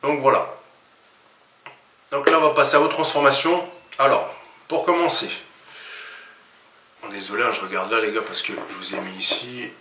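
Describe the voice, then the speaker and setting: A man's voice: medium pitch, fairly even intonation, normal speed, long pauses. Ch'ti guy coaching a workout, jokey, echoey room, some background noise. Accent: Northern French (Ch'ti). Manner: chatty, joking asides. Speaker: fitness coach. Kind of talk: casual workout vlog. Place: gym. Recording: echoey room, mic at a distance.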